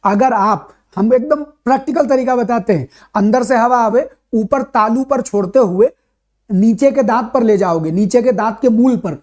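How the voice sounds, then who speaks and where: A man teaching a Hindi grammar lesson for exam students, chatty, calling his students brother and slowly repeating sounds to demonstrate them. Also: very high-pitched, darkish tone. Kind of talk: classroom lesson for competitive exams.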